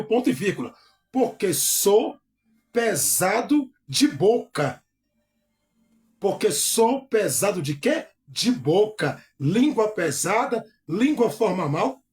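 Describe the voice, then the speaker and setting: A man's voice: high voice, a little mellow. A male pastor teaching a Bible lesson who reads verses aloud, calls out each punctuation mark, and repeats phrases to explain them. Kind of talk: bible study sermon.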